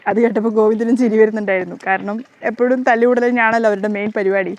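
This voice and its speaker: A woman recapping a TV serial in casual, animated storytelling narration with a dramatic flair. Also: mid-range voice, very fast, dull audio.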